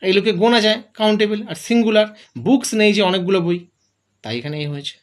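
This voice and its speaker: An English teacher, male, takes his class through grammar rules one step at a time. His high voice swoops up and down with lively stress, and he rattles along at a rapid-fire clip, posing questions and then answering them himself.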